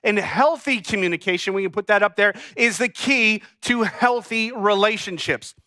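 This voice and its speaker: A high, bright male voice carries a sermon full of jokes and asides. He is a pastor in his thirties, telling a personal story to the congregation before turning to the teaching. He sounds lively and talks straight to the room. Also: moderate pace. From United States.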